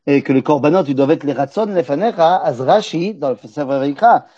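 A man's voice: fairly high pitch, lively intonation, fairly quick, dark tone, slightly rough, no echo, highs cut off. A man teaching a Torah class, explaining Hebrew words and asking his listeners questions before he answers them.

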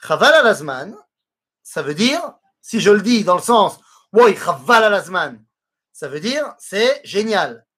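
A man teaching a Torah lesson, explaining words slowly and weaving in Hebrew quotations. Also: high voice, sing-song, fairly bright tone, breathy edge.

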